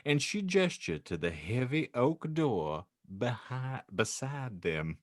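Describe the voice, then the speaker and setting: A man hosting a podcast reads a fan fiction aloud, performing it theatrically and dropping wry comic asides, sometimes breaking into laughter. His medium-pitched voice is very animated yet slow-paced, captured in clean studio sound with no echo.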